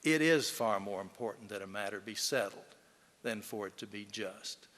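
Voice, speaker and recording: Speaking at normal speed in a lowish yet fairly bright voice, a lawyer delivers a eulogy for a colleague. He shares folksy anecdotes with emphatic storytelling, his words ringing through a hall with long reverb.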